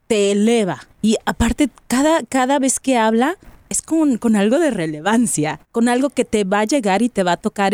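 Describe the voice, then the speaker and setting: A woman's voice: medium pitch, dry recording. Teasing female co-host, casual radio banter, dry close sound. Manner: playful, teasing, expressive. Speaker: podcast co-host.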